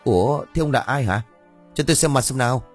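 A jumpy young village man fires off quick, edgy questions in a slightly husky voice, as a male narrator plays him. He sounds tense and wary, a character in an audio horror story. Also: medium pitch, expressive, faint music behind, voice pushed up, natural voice. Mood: suspicious.

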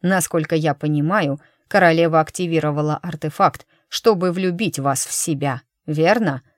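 Woman doing a sharp, urgent young man, protective, lowish dry voice. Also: moderate pace, no echo, natural voice. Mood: reasoning.

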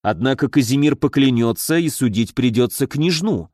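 A man narrating an audiobook in a steady, even storytelling voice of middle pitch. The recording is dry and close, with no room sound at all. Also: moderate pace, no echo.

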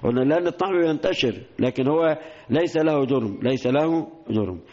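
A man's voice: fairly high pitch, expressive, brisk, dark tone, lo-fi sound. A man with an Egyptian accent teaching a religious lesson, repeating key phrases and mixing colloquial explanation with classical quotations. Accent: Egyptian Arabic. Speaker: sheikh teaching hadith.

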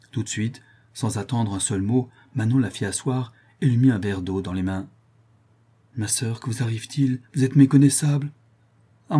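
Low, husky male narrator. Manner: measured, steady storytelling. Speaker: audiobook narrator. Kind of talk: scripted narration.

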